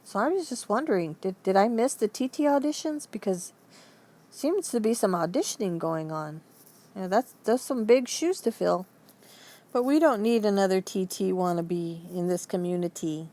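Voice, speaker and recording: In a casual online opinion vlog, a woman vents her views in a rambling, conversational way. Her mid-range voice is mellow, with lively intonation and a normal speed, and she talks emphatically throughout.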